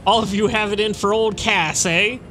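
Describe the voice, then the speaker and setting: A man's voice: high-pitched, steady tone, normal speed, pushed and bright, faint music behind. A man voicing a greedy, menacing, hard-drinking father in a video game, sneering and threatening.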